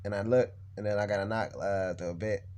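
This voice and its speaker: A man's voice: on the low side, steady tone, brisk, a little mellow. A young man vlogging, telling a personal story in a blunt, heated, profane rant.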